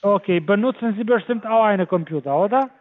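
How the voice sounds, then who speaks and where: A man on a phone scam call, talking haltingly with many fillers and broken grammar. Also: high-pitched, expressive, dry recording. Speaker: phone scammer. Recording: tinny phone line.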